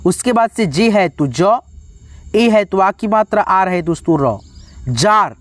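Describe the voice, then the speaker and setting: A man's voice: high-pitched, animated, slow, dry recording. A man teaching an English spelling lesson step by step for beginners, speaking patiently and addressing his viewers as friends again and again. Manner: patient, repetitive, calls viewers "friends" often.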